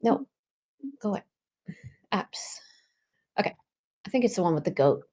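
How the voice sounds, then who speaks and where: Chatty woman casually demoing design software. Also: mid-range voice, very animated, quick pace, slightly rough. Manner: chatty, lots of ums and likes. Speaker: design tutorial presenter. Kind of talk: casual screen-share walkthrough. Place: at home.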